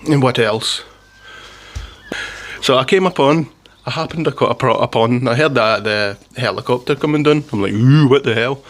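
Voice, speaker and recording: A man's voice: mid-range voice, normal speed, fairly bright tone. A Scottish man telling a rambling story in a casual monologue, with frequent restarts and chuckles. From Scotland.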